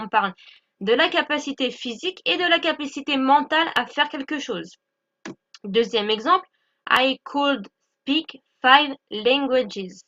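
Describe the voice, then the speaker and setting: A woman's voice: high voice, fairly bright tone. A woman explaining an English grammar lesson, patient and repetitive, checking in often with her listeners. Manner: patient, repeats points with "d'accord?" checks. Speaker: English teacher. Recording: dull lo-fi recording.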